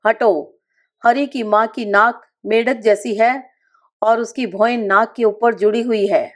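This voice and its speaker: A woman narrating a literary short story in a measured, unhurried reading voice. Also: a little high.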